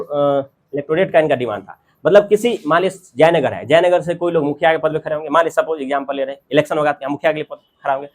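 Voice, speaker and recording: A man with a somewhat high voice lectures to his students. He speaks English with an Indian accent. He reads each English line slowly and then explains it in Hindi with examples from daily life. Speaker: teacher.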